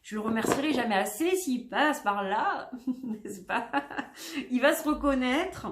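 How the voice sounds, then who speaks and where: A woman's voice: a little high, a little hiss or hum. Chatty French woman in an echoey room. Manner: chatty, rambling with many fillers and self-corrections. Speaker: tarot vlogger. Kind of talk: casual chat showing tarot decks.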